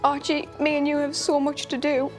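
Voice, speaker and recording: A woman's voice: high voice, completely flat delivery, normal speed, over music. A young woman, reading an earnest, emotional speech to her family. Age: young adult.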